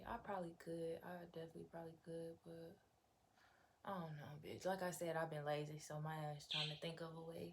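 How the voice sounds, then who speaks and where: Casting: young female vlogger, slightly low voice, loose rambling slangy chat with casual cursing, noticeable background noise. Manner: unfiltered, rambling, profanity-laced, slangy. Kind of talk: casual chatty vlog, talking to viewers. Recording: clear background noise, room ambience.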